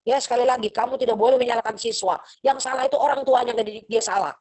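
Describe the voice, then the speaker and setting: A woman's voice: on the high side, fairly even intonation, fast, darkish tone, poor audio. Chatty motherly woman lecturer on a call. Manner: motherly, chatty, acts out parents' lines. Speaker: university lecturer. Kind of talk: online class lecture. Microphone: video call.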